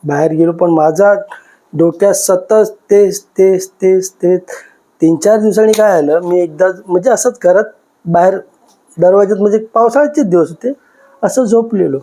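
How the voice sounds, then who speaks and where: A man's voice: high voice, moderate pace, mellow. A man in his fifties, a podcast guest, emotionally recounting a personal ghost experience and repeating himself as he goes. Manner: emotional, repetitive retelling.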